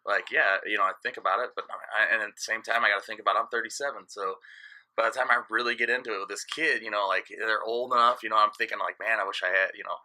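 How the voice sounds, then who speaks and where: Man, thirties, guest DJ, frank rambling talk, lowish voice, very bright tone. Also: steady tone, fast. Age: 30s. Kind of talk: casual podcast chat.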